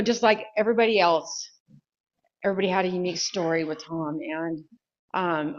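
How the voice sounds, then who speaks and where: A woman giving a candid, halting tribute at a memorial recovery meeting, joking at her own expense. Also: low voice, muffled recording. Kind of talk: personal tribute speech.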